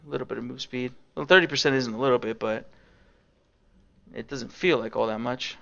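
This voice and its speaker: A man's voice: mid-range voice, a little fast, creaky, fairly bright tone, highs cut off. A young man giving casual, sarcastic commentary over his own gameplay, swearing freely as he explains what he is doing. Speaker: game streamer.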